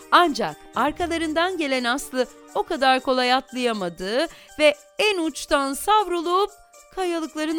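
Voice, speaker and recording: A woman reading a children's story aloud in an expressive, animated storytelling manner. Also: high voice.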